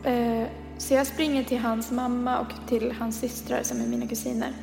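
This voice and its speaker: A woman's voice: a little high, little pitch movement, vocal fry, music in the background. A woman in her twenties telling a personal story in a chatty way, full of fillers and acted-out dialogue. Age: 20s. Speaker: podcast co-host. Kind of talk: casual storytelling.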